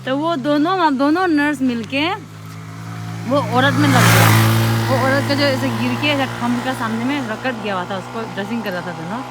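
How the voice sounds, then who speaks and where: A young woman tells a rambling personal story in a casual vlog, her voice sitting a bit high. She repeats lines and plays out each quote as she goes. Traffic and street noise run clearly behind her in this outdoor recording. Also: moderate pace. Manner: chatty, repetitive, acts out the quotes. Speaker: vlogger.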